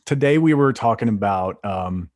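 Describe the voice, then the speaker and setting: A man's voice: fairly low pitch, lively intonation, moderate pace, a little mellow, no room sound, clean studio sound. A man co-hosting a casual chat about acting, talking in a laid-back, easygoing way with plenty of fillers. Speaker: co-host.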